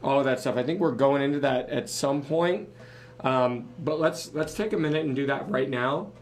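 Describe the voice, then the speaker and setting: A man co-hosts a live podcast in a loose, rambling, joking style, even though he's losing his voice. His voice is mid-range, his pace moderate, and there's slight background noise.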